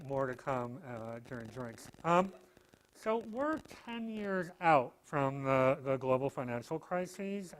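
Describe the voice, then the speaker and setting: A man's voice: medium pitch, poor audio. A male law professor giving a public lecture with dry, self-deprecating humor and frequent "um" and "uh" fillers.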